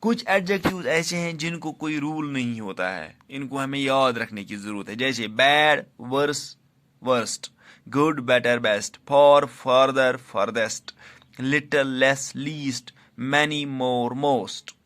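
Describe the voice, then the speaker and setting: Slow, deliberate male teacher. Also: mid-range voice, a bit bright. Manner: reads English rules slowly, then explains in Hindi. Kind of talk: classroom grammar lesson.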